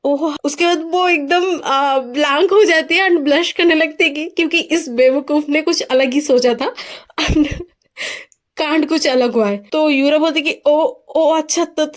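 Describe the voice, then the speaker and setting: A woman narrating a comic story recap in a chatty, animated way with laughing asides. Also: high-pitched, unhurried.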